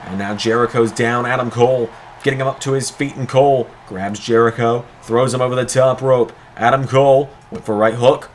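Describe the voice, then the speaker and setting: A man gives play-by-play in the manner of a wrestling commentator. His mid-pitched voice stretches out the calls of big moves with excitement. There is background noise under the recording. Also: fairly quick, hardly any pauses. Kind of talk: wrestling commentary of a video game match.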